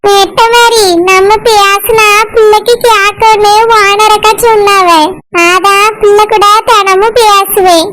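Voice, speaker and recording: A woman with a Kanyakumari Tamil accent voicing a gentle pregnant young village woman who speaks softly and tenderly. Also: extremely high pitch, level tone, takes it slowly. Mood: chatty. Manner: soft, tender, cooing. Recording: loud background noise.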